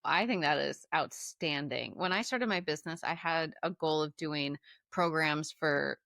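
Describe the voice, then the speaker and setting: A life coach in her forties chats on a podcast, sounding enthusiastic and affirming. Her deep voice is a little slow and a bit bright, with vocal fry. The studio recording is clean and dry.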